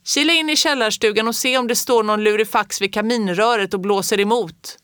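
A woman's voice: on the low side, fairly even intonation, no echo, clean studio sound, close to an everyday voice. A woman reading a storybook aloud, voicing a playful, teasing old male chimney sweep.

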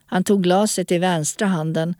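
A woman narrating an audiobook story in a calm, even storytelling manner. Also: on the low side, no room sound, clean studio sound.

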